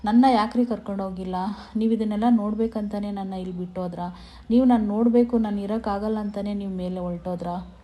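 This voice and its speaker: A woman voicing a proud, heartbroken older mother who laments loudly and pleads through tears while retelling a serial scene. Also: medium pitch, fairly even intonation, fast, close to an everyday voice. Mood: lamenting. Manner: tearful lamenting, loud pleading.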